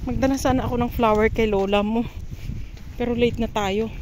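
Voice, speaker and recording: A woman's voice: fairly high pitch, fairly even intonation, fairly quick. A woman chatting casually while walking outdoors and filming a vlog on a handheld phone, mixing English words into her talk. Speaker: vlogger. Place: outdoors on a street. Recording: noisy outdoor street sound.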